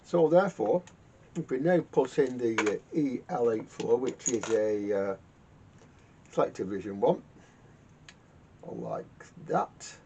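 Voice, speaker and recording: A male vintage radio repairer hosts a workshop video from his garage, offering casual hands-on commentary in a dark, soft, creaky voice with a sing-song lilt. He's halting, mutters to himself, and repeats words. The recording is muffled, lo-fi, and noisy with rumble.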